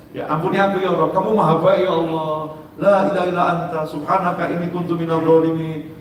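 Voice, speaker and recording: A man preaching a sermon in a fairly high voice, climbing to emphatic calls and dropping to low asides, with prayers chanted in a sung tone. The recording catches him from a distance in a strongly echoing hall, with a faint hiss behind him.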